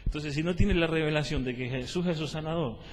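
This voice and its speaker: A man's voice: on the high side, fairly quick. A man with a Rioplatense Spanish accent teaching a discipleship sermon, repeating his points and asking the listeners whether they follow. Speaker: preacher. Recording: long hall reverb.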